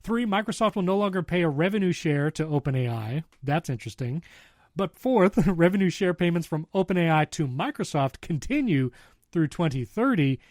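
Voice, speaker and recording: A man with a slightly higher voice co-hosts a casual tech show. He chats loosely, laughs often and reads news items aloud. The sound is dry and close, with no room around it. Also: expressive, normal speed, no room sound. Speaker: podcast co-host.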